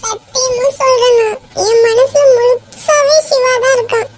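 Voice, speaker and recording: A woman's voice: brisk, rough recording. A woman voicing a tearful young woman in a cartoon, pleading and sobbing as she insists on her love. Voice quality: very high shifted cartoon voice. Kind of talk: cartoon voice acting.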